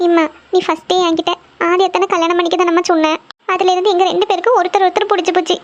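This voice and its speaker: A woman's voice: very high voice, flat delivery, racing. Woman doing a meek pleading young daughter. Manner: pleading, protesting.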